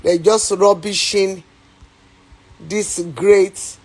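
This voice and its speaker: A woman's voice: medium pitch, steady tone, very slow. A woman with a Nigerian accent, an actress on a phone livestream, ranting with heat and pleading again and again for viewers to share. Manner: repetitive, pleading, heated, mixes in Yoruba. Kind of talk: angry livestream rant.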